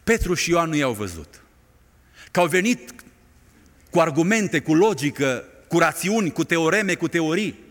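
Male preacher, high animated voice, dramatic sermon delivery, long hall reverb. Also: long pauses. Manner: impassioned, dramatic rises and hushed drops.

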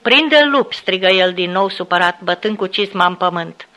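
Bright-voiced woman reading a memoir. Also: on the low side, flat delivery. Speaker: narrator. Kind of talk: memoir read aloud.

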